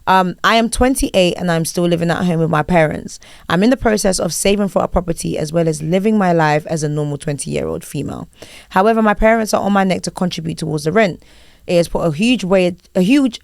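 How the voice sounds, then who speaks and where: A woman hosting a casual podcast chat, reading things out in a flat, formal way. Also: fairly low pitch, vocal fry, no echo, clean studio sound. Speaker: podcast host. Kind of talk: casual chat, reading lyrics and a letter aloud.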